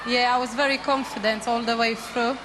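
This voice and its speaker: A woman answers interview questions as a game show contestant, plain and confident with a few hesitations. Her voice is slightly high, and noise from the arena sits behind her. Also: fairly even intonation, fairly quick. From Romania. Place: large indoor arena.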